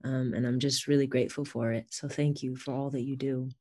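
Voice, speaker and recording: A woman's voice: extremely low pitch, flat delivery, brisk, warm tone. A woman, talking casually as a guest in an interview. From California, United States. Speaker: podcast guest, author.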